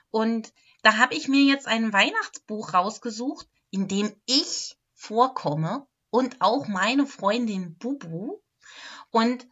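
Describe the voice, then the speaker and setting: A woman in a clown role reads a Christmas storybook aloud, playful and animated. She speaks slowly with a bright, clear tone. The recording sounds slightly dull and lo-fi. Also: on the high side. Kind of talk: storybook reading.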